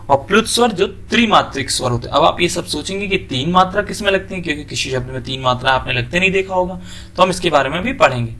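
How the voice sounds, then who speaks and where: A man giving a classroom lesson, often asking a question and then answering it himself, and drawing out example sounds slowly. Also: sits high, a bit bright. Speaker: teacher.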